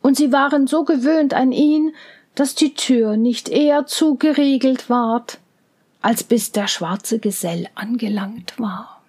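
A woman reading a fairy tale aloud in a calm, measured way, letting phrases fade into whispers. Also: fairly high pitch. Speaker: storyteller.

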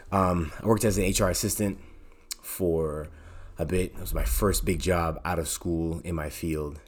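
A young man from Canada hosting a podcast, telling a personal story in a lively way and acting out the voices of the people he quotes. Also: sits low, normal speed. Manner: animated, acts out quoted voices. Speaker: podcast host.

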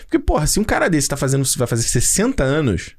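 Fast-talking animated man chatting about movies. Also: a little high. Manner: animated, slangy, quick with frequent restarts. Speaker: podcast co-host. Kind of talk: casual chat about movies. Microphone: video call.

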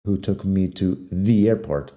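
A man giving a language lesson, slowly repeating English example sentences and explaining them. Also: deep voice, warm tone. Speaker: English teacher.

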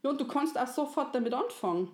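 A woman's voice: high-pitched, lively intonation, fast, voice pushed up. Woman doing a kindly creator woman. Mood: gentle. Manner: soothing, folksy, fond of dialect fillers. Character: kindly wise creator woman, patient and homely. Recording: roomy echo.

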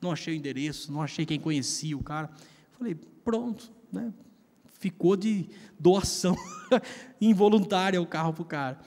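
A man's voice: a little high, moderate pace, darkish tone. A Brazilian man preaching a sermon, telling a personal story in a casual, slangy way. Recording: long reverb of a large hall.

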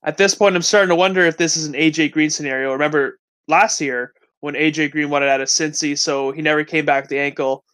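A man co-hosting a fantasy football show, reading injury news in a steady, matter-of-fact way. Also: a little high, quick pace, few pauses, clean tone. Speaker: fantasy football podcast co-host. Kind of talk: casual sports news rundown.

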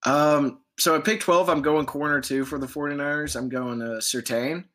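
A man's voice: a little high, steady tone, fairly bright tone. Man in casual sports chat. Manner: loose, filler-heavy, quick restarts. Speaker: podcast co-host.

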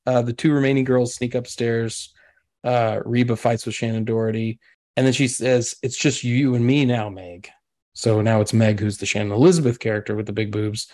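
A man with a middle-pitched voice talks through a movie plot in a loose, rambling way. His sentences are full of fillers and restarts, and he laughs often. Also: steady tone, moderate pace, a little mellow. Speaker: podcast host. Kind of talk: casual chat recapping a film.

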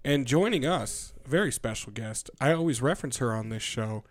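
A man's voice: mid-range voice, lively intonation, fairly quick, no echo. A man hosting a casual podcast, joking around and swearing freely. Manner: profane, joking. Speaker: podcast host.

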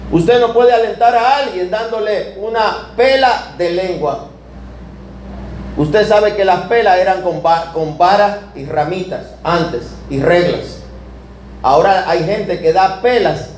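A man preaching a sermon, telling stories with emphatic, drawn-out key words and shifting pace. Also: sits high, a little mellow. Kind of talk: sermon with storytelling. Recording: echoey room with air conditioning hum.

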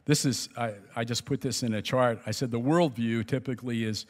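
A man's voice: mid-range voice, fairly even intonation, brisk. Male pastor, mid-range voice, easygoing sermon delivery with chuckles, long reverb from a church hall. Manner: conversational, with chuckles and restarts. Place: church sanctuary.

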